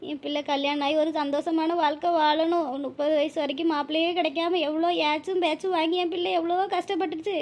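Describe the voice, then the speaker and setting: A woman's voice: very high voice, level tone, quick pace, hardly any pauses, darkish tone. A woman voicing an anxious, tearful elderly mother in a cartoon, speaking with a pleading, emotional manner. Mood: tearful prayer. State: crying. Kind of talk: cartoon voice acting.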